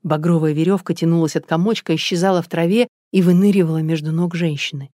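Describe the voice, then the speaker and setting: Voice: medium pitch, fairly even intonation, fast talker, dark tone, no echo, clean studio sound. A narrator reading a story aloud as an audiobook.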